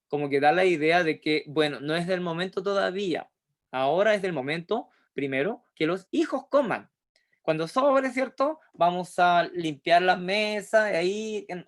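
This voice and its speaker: Slow Chilean woman teaching a Bible lesson. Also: on the low side. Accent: Chilean Spanish. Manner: slow, questioning, acts out the lines of the story.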